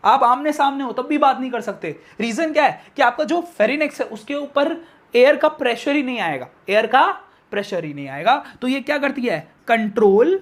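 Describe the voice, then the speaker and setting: This male science teacher's voice is extremely high and fairly bright as he lectures on biology to a class. He works English technical terms into his talk, answers his own questions, and says important terms again slowly to stress them.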